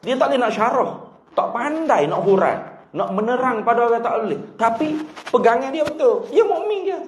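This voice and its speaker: A man's voice: very high-pitched, big pitch swings, normal speed, echoey room, a little hiss or hum. A man with a Kelantanese Malay accent teaching a religious study class, joking and drilling terms by repeating them. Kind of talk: kitab study class lecture.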